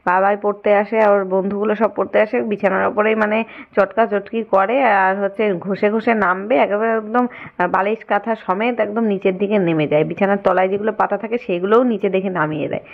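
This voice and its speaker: A woman with a West Bengal accent, chatting casually through her household chores for her home vlog, her voice slightly hoarse. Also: medium pitch, steady tone, a little fast, phone-quality sound. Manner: chatty, running commentary on chores. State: hoarse from a cold. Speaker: vlogger. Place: home, indoors.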